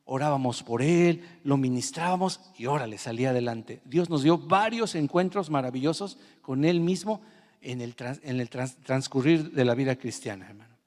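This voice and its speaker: A man with a Mexican Spanish accent preaching a sermon as pastor, telling a story with emotion and moving from quiet to loud. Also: medium pitch, moderate pace, long reverb tail.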